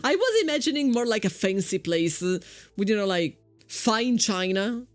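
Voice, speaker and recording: Italian-accented woman streamer, rambling and friendly, stumbles on starts, average pitch, soft music underneath. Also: sing-song, moderate pace, no echo. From Italy. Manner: chatty, repeats words when starting sentences. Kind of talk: casual game commentary.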